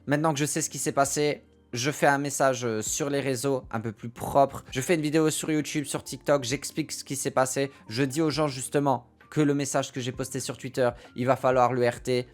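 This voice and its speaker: A man's voice: medium pitch, fairly even intonation, fairly quick, few pauses, soft background music. A young man from France recounting a personal story to his viewers, emphatic and prone to repeating phrases for effect. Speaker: streamer and video creator. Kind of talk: storytelling to camera.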